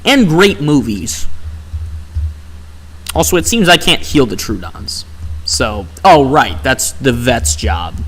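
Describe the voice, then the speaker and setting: A young man live-streaming a game, chatting casually and sarcastically while reading chat aloud. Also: mid-range voice. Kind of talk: casual gameplay commentary. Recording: faint background music.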